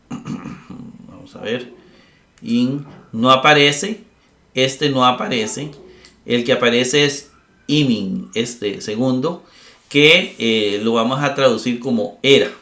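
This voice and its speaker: Teaching Greek grammar on a recording, a middle-aged man speaks in a mid-range voice that is pushed and bright. He explains each step patiently, keeps asking "¿verdad?", and pauses on "eh," with an echoey room around him.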